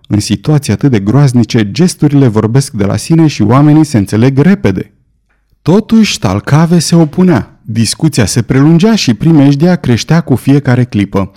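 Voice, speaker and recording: Mellow-voiced male audiobook narrator. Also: mid-range voice. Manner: steady, measured reading. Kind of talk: scripted narration.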